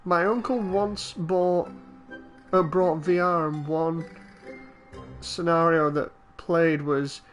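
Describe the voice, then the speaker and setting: A man's voice: a little high, steady tone, takes it slowly, long pauses, soft background music. A man streaming a game, chatting casually in a rambling, conversational way. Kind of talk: casual livestream chat over a game.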